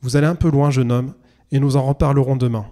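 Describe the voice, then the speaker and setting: A man reading as a calm, weary surveyor. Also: natural voice. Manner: calm, low-voiced, measured. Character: weary, composed male land surveyor.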